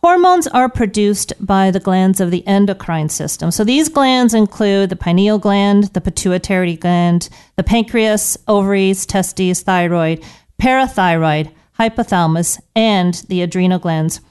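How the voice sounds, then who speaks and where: Woman, morning show host, smooth clear voice, mid pitch, live radio health talk. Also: expressive, measured pace, darkish tone. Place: radio studio.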